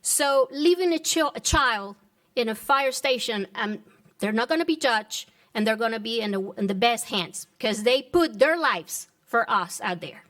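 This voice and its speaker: A woman from the Dominican Republic, a local resident giving earnest, halting public comment at a government meeting. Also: fairly high pitch, lively intonation, fairly bright tone.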